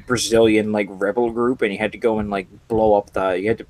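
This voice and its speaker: A man with a lowish voice chatting on a podcast. He jokes in an offhand, loose way and fills his pauses with hesitant ums. He sounds relaxed and unscripted throughout. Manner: joking, offhand, hesitant fillers. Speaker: podcast co-host. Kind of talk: casual political chat.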